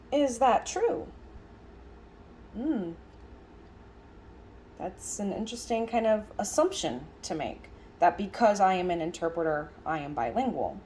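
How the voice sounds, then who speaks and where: A woman interprets a signed lecture aloud in a mid-range, darkish voice, with a little hiss or hum in the recording. She's conversational and reflective, musing via emphatic phrasing and rhetorical questions.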